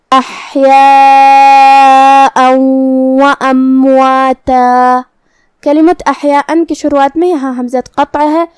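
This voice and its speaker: High-voiced woman teaching tajweed slowly. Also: darkish tone, no echo. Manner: methodical, step-by-step explanation of each letter's sound. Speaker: Quran recitation teacher. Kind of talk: tajweed lesson, explaining then reciting slowly.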